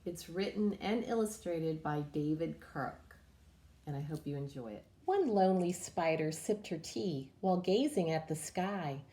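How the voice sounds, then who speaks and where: With a fairly low pitch, a woman hosts a young children's story time, giving a measured and expressive reading of a picture book.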